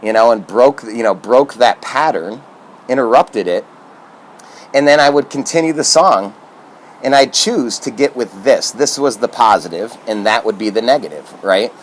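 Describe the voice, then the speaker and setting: A man's voice: mid-range voice, animated, normal speed. A man from Michigan giving casual motivational talk to camera as a self-help vlogger, upbeat and earnest, with plenty of fillers.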